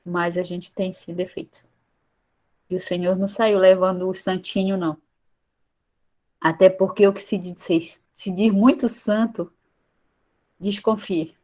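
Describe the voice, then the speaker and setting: A woman's voice: on the low side, rough recording. A woman leading a devotional group discussion. She talks informally and calls on each member to speak. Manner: warm, informal, passes the word to others.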